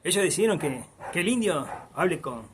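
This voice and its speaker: A man doing a polite young native woman, higher voice. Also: expressive, brisk, fairly bright tone, a little hiss or hum. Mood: persuasive. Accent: Argentine Spanish. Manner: polite, respectful.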